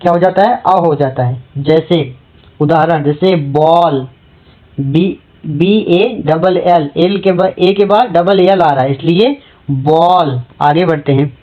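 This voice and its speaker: Slow teacher going over spelling rules, asks a question then answers it, repeats words, kinda muffled recording. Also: medium pitch. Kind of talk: spelling lesson in Hindi.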